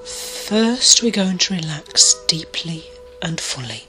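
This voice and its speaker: Female meditation guide, low and very slow, breathy whispery delivery over a clear music bed. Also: animated. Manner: soft, soothing, often breathy and whispered.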